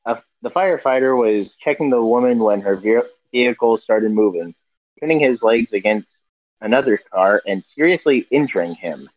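A man co-hosting a casual podcast over a video call, reading out news headlines in a halting way full of fillers and self-corrections while his audio breaks up. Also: mid-range voice, animated. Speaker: podcast co-host. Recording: dull, muffled call audio.

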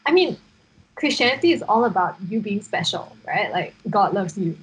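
A woman's voice: mid-range voice, very animated, moderate pace, slightly rough, low-quality recording. A young woman studying psychotherapy, co-hosting a podcast and talking earnestly with many fillers. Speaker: podcast co-host, psychotherapy student. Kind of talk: casual chat.

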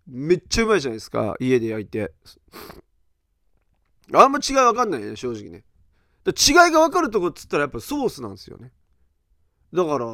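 A middle-aged podcast host with a highish voice chats casually, rambling through an animated story full of fillers and acting out other people's reactions. The recording is studio quality with no room sound.

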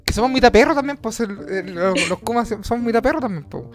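A man's voice: very high voice, animated, fairly quick. A young Chilean man telling a long story in casual chat, rambling and slangy, swearing and acting out voices. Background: guitar music.

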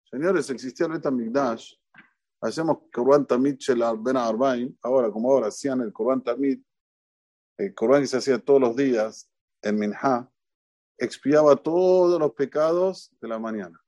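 A rabbi with an Argentine Spanish accent gives an informal Torah talk in a synagogue, speaking in a medium-pitched voice with no echo. He is lively and jokes around, quizzes the congregation and repeats points to emphasize them.

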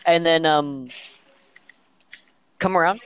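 A man's voice: a little high, slow, fairly bright tone, smooth, dull audio. A young man co-hosting a podcast, chatting casually and rambling through band stories while acting out what people said. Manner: rambling storyteller, acts out quotes. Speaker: podcast co-host and band member. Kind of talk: casual chat.

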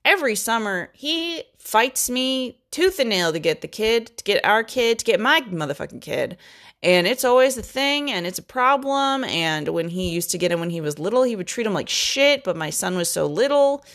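A woman's voice: medium pitch, very animated, normal speed, a bit bright. A young adult woman hosting a podcast, venting in a blunt, profane, rambling monologue. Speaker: podcast host.

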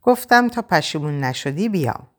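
A woman reading the part of a calm, caring young man in a spoken novel, in a gentle, matter-of-fact way. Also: low voice. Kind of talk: audiobook character reading.

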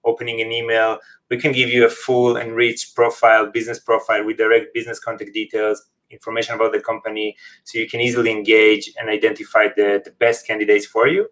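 A man's voice: on the low side, monotone, fast, fairly bright tone, low-quality recording. Man explaining in English. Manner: non-native English phrasing. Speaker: company representative, podcast guest. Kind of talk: casual interview, explaining a product.

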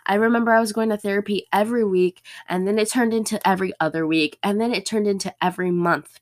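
A young woman hosting a casual solo podcast, speaking candidly, her voice a little thick and throaty, as if getting over swollen tonsils or a sore throat. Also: fairly low pitch. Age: young adult. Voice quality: slightly altered voice after a bad sore throat, thick and throaty. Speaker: podcast host.

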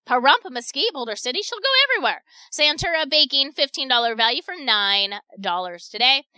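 A woman hosting a shopping deals radio show, delivering an upbeat, partly ad-libbed sales pitch. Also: pushed and bright, dry recording.

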